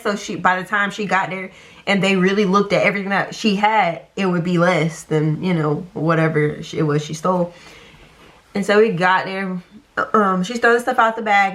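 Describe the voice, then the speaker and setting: A young woman telling a story casually, chatty and animated, full of fillers. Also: mid-range voice. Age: young adult.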